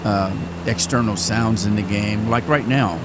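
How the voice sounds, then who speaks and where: An older man, a gaming channel host, rambles through casual gameplay commentary, pausing and restarting as he plays. He mentions that age has made his voice deeper and more prone to cracking. Engine noise from a flight simulator hums behind him.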